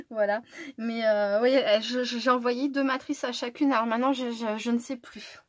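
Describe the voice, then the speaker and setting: A woman chatting casually through a scrapbooking tutorial, excitable and tired, with many fillers and restarts. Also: on the high side, moderate pace, no room sound, studio quality. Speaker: scrapbooking vlogger. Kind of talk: casual crafting tutorial chat.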